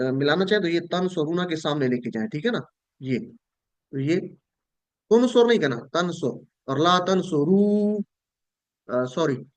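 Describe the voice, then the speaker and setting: A man teaching Arabic verb forms in an online class, drilling students in call-and-repeat, with a Pakistani Urdu accent. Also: a little high.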